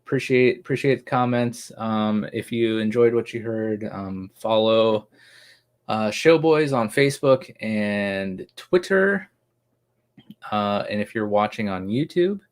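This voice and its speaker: A man co-hosting a couple's podcast, wrapping up the episode in a relaxed, rambling way with lots of fillers. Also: fairly low pitch. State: hiccups. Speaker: podcast co-host. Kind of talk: casual chat.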